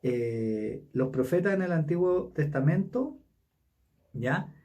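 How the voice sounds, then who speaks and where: Man teaching with halting tag questions. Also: fairly high pitch, lively intonation, warm tone, recorded from a distance. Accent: Chilean Spanish. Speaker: Bible study teacher. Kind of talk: casual Bible study teaching.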